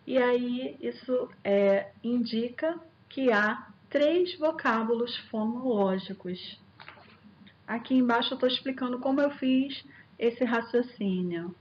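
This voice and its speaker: A woman's voice: fairly high pitch, takes it slowly, highs cut off, slight background noise. A woman teacher giving a recorded online lecture, explaining step by step, asking herself rhetorical questions and speaking directly to her students. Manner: addresses viewers directly and warmly as students. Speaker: linguistics teacher.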